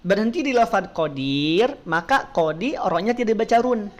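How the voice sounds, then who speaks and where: A woman's voice: medium pitch, lively intonation, normal speed, slight background noise. A woman teaching Quran recitation in an online class, patiently asking her students questions and modelling pronunciation.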